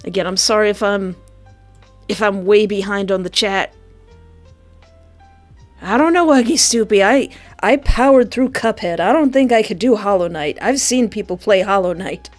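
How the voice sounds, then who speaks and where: A woman livestreamer and game developer speaks at medium pitch and a moderate pace. She's effusive and informal, chatting with viewers and reacting aloud to their messages over gentle background music.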